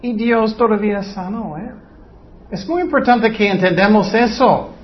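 Teaching from the Bible in a high-sitting voice at a measured pace, a man makes his case with rhetorical questions and mocking imitations of what others say. The sound is slightly dull and lo-fi.

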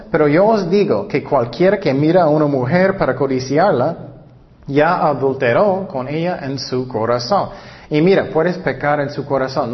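A man preaching in Spanish, teaching earnestly on evangelism and reading scripture slowly and deliberately. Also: on the high side, long reverb tail, highs cut off. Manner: earnest, plain-spoken, reads scripture slowly.

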